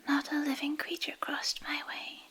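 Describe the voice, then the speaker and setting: Her high voice stays monotone as a woman reads literary fantasy for ASMR in a breathy, intimate whisper, pausing quietly between short phrases. A close binaural microphone captures her ear to ear.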